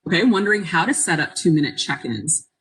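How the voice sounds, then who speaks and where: A woman's voice: lowish voice, lively intonation, brisk, fairly bright tone, breathy edge, rough recording. A woman presenting an interactive webinar in an encouraging, reflective manner, inviting people to take part. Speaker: workshop presenter. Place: online conference call.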